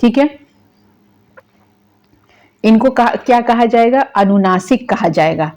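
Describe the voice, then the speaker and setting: A woman's voice: fairly high pitch, lively intonation, slow pace, a little mellow. A woman teaching Sanskrit grammar in an exam-prep lecture, asking questions and answering them herself. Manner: asks questions and answers them herself, repeating key terms.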